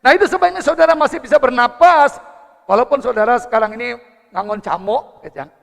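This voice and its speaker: A man's voice: very high-pitched, a little fast, gravelly. A man preaching a sermon, moving a prayer into teaching. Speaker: pastor. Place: church service hall. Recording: church hall reverb with faint music.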